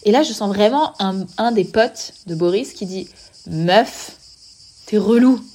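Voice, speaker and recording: A young woman tells a personal story on her podcast in a loose, animated, slang-filled way, constantly turning to address the listener. Her voice has a soft husky, breathy edge and sits at an ordinary middle pitch. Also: normal speed. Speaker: podcast host.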